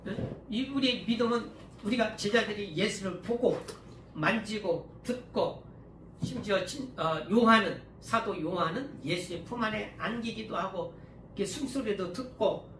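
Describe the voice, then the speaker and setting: A male pastor giving a sermon in a conversational style, often asking the congregation to agree and sometimes breaking into louder passages. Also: high-pitched, normal speed. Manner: conversational preaching, often asks listeners to agree; many fillers and restarts, sudden rises in volume. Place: church hall. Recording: echoey room, mic at a distance, faint background hum.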